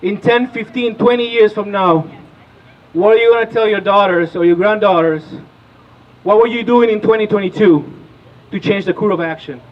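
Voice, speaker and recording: Speaking in a high-pitched voice at a moderate pace, a man in his thirties from Peru rallies an outdoor crowd as a political organizer, firing questions at them with passion. The sound is lo-fi.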